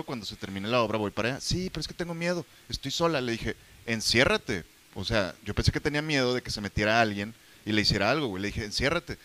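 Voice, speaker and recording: A man with a Mexican accent telling a story in a casual chat, slangy and animated, acting out the voices he quotes. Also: mid-range voice.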